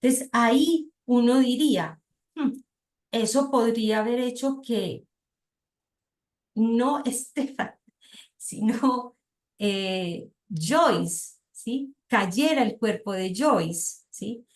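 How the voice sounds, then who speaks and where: A woman's voice: on the high side, drawn-out words. A woman with a Colombian accent giving a seminar lecture, reading passages aloud and often checking in with her listeners. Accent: Colombian Spanish. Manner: diminutives, frequent checking questions.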